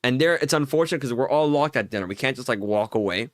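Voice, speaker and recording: A young man streaming Minecraft casually tells a long, rambling story, packed with fillers and laughing in exasperation as he retells it. His medium-pitched voice is expressive and he talks fast. The recording is dry with clean studio sound.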